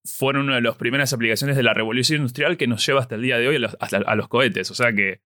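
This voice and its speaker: A man's voice: medium pitch, racing, sharp tone, dry recording, studio quality. Curious Argentine male podcast host. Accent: Rioplatense Spanish. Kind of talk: conversational interview.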